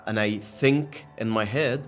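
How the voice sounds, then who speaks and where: A man's voice: fairly low pitch, a little slow, soft background music. A young man hosting his own channel, explaining in a casual, rambling monologue with many fillers and restarts. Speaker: YouTube channel host.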